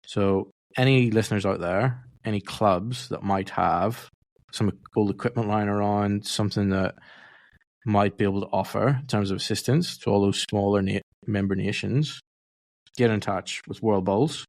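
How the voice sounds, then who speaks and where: A man co-hosting a casual sports podcast, relaxed and teasing his co-host. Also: on the low side, normal speed, no echo, studio quality.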